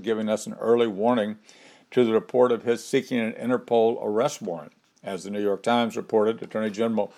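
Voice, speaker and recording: Older man reading a measured commentary. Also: lowish voice, darkish tone. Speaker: commentary host. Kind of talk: scripted spoken commentary.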